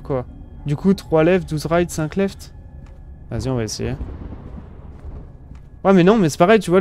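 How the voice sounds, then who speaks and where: Young male streamer, slightly high voice, unhurried pace, slangy casual play-by-play. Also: darkish tone, a little hiss or hum. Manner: slangy, swearing, thinking aloud. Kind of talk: casual gameplay commentary. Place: small room with gaming setup, indoors. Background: game music.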